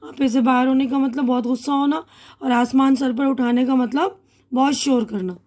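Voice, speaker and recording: A woman's voice: high-pitched, fairly even intonation, a little mellow. A woman teacher with an Indian Urdu accent, patiently explaining a school lesson to children and correcting her own slips. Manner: patient, repeats and corrects herself.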